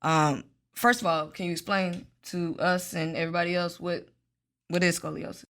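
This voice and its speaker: A woman's voice: on the low side, fairly even intonation, normal speed, a bit bright. A woman co-hosting a casual podcast interview, asking questions with brief encouraging remarks and light teasing. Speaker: podcast co-host.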